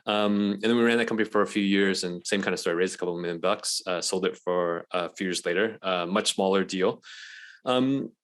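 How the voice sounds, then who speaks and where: Very low-voiced man, relaxed and halting. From Malaysia. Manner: relaxed, with many ums and restarts. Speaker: guest, venture investor. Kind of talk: casual interview chat.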